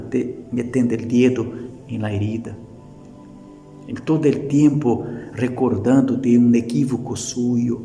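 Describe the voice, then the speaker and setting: A male pastor with a Brazilian Portuguese accent and Portuguese as his first language, giving a gentle, halting sermon with storytelling. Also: mid-range voice, creaky. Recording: echoey hall with faint music.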